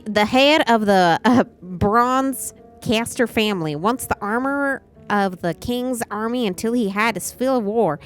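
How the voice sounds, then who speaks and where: A woman streaming a puzzle game, chatting casually and reading text aloud haltingly, often swearing and stumbling over names. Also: medium pitch, smooth. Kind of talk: casual gaming livestream chat.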